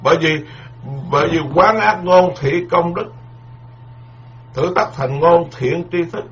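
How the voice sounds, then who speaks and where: A male Buddhist monk preaches a dharma talk in a fairly high voice, repeating words and leaning on homely proverbs. The sound is dull and lo-fi, as on an old lecture tape. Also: takes it slowly, a bit bright. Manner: repetitive, folksy, emphatic with proverbs.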